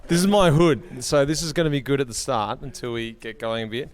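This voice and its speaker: A man's voice: medium pitch, a little fast. A man hosting a casual vlog outdoors, asking riders questions in a chatty, friendly way. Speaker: host. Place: outdoors on a bike ride.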